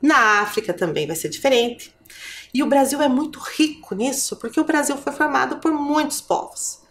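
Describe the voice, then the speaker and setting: A woman's voice: high-pitched, animated, moderate pace, fairly bright tone, slight background noise. Brazilian woman teaching kids, patient and questioning, bouncy sing-song voice, roomy echo. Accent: Brazilian Portuguese. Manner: patient, asks the viewer questions. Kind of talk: classroom lesson for children.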